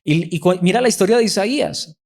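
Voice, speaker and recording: Preacher guy, slightly high voice, keeps asking the church questions. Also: lively intonation, fairly quick, darkish tone. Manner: asks the congregation rhetorical questions. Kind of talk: sermon.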